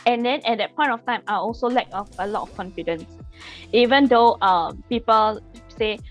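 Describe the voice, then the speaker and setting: A woman's voice: on the high side, normal speed, lo-fi sound, soft background music. A woman in her twenties with a Singaporean English accent, a podcast guest in casual chat who laughs often and hesitates with fillers. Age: 20s.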